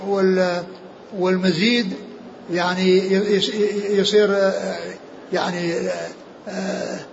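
High-voiced man teaching, halting and repetitive. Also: dull audio, a little hiss or hum. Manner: halting, many repeated words and restarts. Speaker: hadith teacher. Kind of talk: classroom lecture explaining a hadith text.

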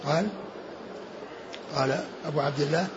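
A man teaching a classical text in a lecture, pausing often and repeating words as he explains. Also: on the high side, highs cut off, background noise. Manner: halting, many repeated words and restarts. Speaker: hadith teacher.

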